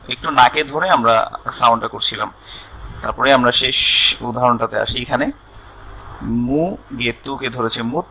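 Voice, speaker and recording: Gravelly-voiced man teaching Quran reading. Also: mid-range voice, pushed and bright, slight background noise, rough recording. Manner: spells out syllables slowly and repeats each word twice; uses fillers while explaining pronunciation. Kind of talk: step-by-step recitation lesson.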